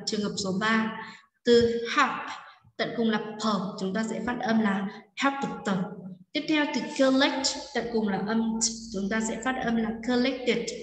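A female English teacher patiently walks her students through a lesson step by step, checking in with them often. Her voice sits on the high side, with fairly even intonation and a moderate pace. This recorded classroom explanation sounds distant from the mic, in an echoey room with long reverb.

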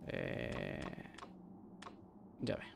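Swearing young Spanish gamer, noisy audio. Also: male voice, drawn-out words. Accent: Spain. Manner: casual, swears a lot, excitable. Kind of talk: let's play commentary. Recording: noisy with game sounds behind.

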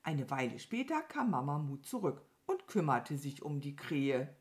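A woman reading a children's story aloud for kindergarten children, slow and expressive. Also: sits low.

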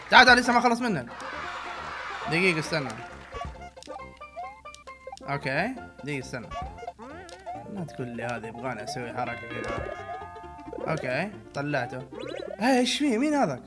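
Brief: young male gamer, expressive voice that swings from mutters to yells. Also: on the high side, a little fast, pauses often, loud music behind the voice. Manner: excitable, swinging between mutters and loud outbursts. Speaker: gaming channel host. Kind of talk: let's play commentary.

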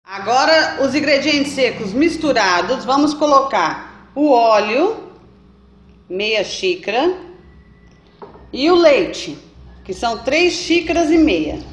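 In an echoey home kitchen with faint background noise, a woman runs a step-by-step recipe demo for her cooking channel. She talks in a high, animated voice, taking it slowly and pausing often, and she keeps checking in with her viewers in a chatty way.

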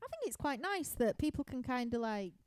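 A chatty young woman with a Yorkshire accent rambles through viewer questions from her living room, laughing often and filling pauses with lots of ums. Her voice sits on the higher side yet sounds mellow and dark. The sound is dry and close, with no room echo. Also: big pitch swings. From Yorkshire, England. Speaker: musician hosting a live stream Q&A. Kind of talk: casual chat reading viewer questions.

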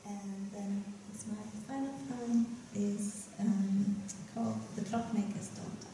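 This is a poetry reading on a dark festival stage, where a young woman speaks into a stand mic at a lectern. She's measured in the poems and chatty, even giggly, in between, with a medium pitch that barely moves. The distant mic captures a roomy hall and background noise.

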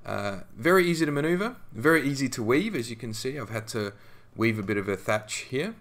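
A man with a medium-pitched voice narrates a scale modelling tutorial as a voice-over at a brisk pace. He's relaxed and conversational, with frequent ums and restarts.

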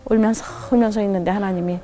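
A middle-aged woman, a missionary guest in a studio, earnestly retells her personal story in a heartfelt testimony. Her tone is steady but she races along, dropping to a lower, softer voice when quoting God, with soft music underneath.

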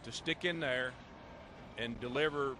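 A man in his forties speaks earnestly in an interview outdoors at a crowded event. His voice is mid-pitched, and the outdoor noise around him is clearly audible. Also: unhurried. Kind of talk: casual interview answers. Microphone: handheld interview mic.

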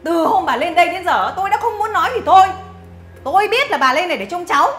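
A woman's voice: very high-pitched, animated, fast, a bit bright, echoey room, soft background music. An actress playing a scornful, bossy mother-in-law who scolds and mocks with sneering laughs. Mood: scornful scolding. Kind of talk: family drama acting.

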